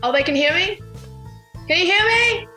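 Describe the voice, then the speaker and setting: A woman's voice: very high-pitched, expressive, normal speed, pushed and bright, faint music behind, voice pushed up, heavily acted. A woman playing a character whose connection keeps dropping, breaking off words and repeating them. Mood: urgent. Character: woman character calling through a glitching magic link. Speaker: player. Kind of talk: tabletop roleplay in character. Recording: roomy echoey sound.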